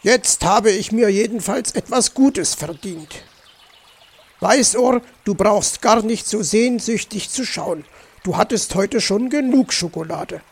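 A man's voice: high-pitched, lively intonation, takes it slowly, husky, voice pushed up, exaggerated voice. A man voicing a grumpy, stingy male fox uncle in a children's audiobook, talking in an indignant grumble. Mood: grumbling.

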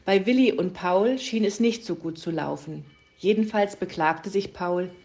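A woman's voice: on the low side, a little slow, a little mellow. Woman reading a children's story.

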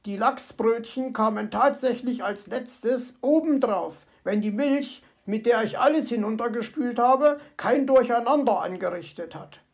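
A woman's voice: on the high side, a little slow, few pauses, darkish tone, voice pushed up. A woman voicing a greedy male fox with a stomach ache who talks in a sheepish, whiny way.

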